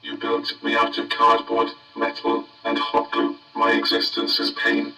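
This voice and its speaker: A man voicing a gloomy, sarcastic homemade male robot, speaking in a flat, weary robot monotone. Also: measured pace, music in the background, natural voice, rough recording. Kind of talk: comedy sketch voice.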